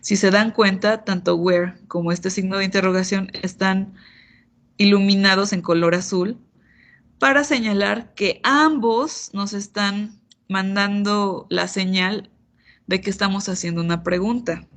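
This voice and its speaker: Gravelly-voiced woman teaching grammar online. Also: medium pitch, unhurried, a bit bright. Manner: patient, explanatory, playful asides. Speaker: English teacher.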